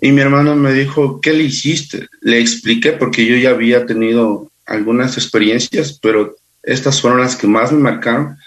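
A man guest recounting personal experiences in a halting, unhurried way. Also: medium pitch, fairly even intonation. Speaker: interview guest. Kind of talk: personal storytelling.

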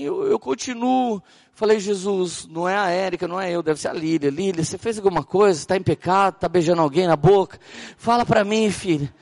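A Brazilian man preaching as a pastor, telling stories with animated acted-out dialogue. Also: high voice. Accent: Brazilian Portuguese. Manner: animated storytelling, acting out dialogue. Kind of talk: sermon.

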